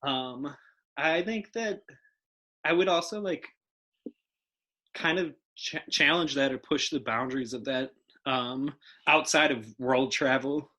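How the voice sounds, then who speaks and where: A man's voice: medium pitch, takes it slowly, pauses often, sharp tone, poor audio. A young man, a podcast guest, chatting casually and rambling with lots of fillers and laughs. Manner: rambling, filler-heavy, giggly. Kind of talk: casual chat.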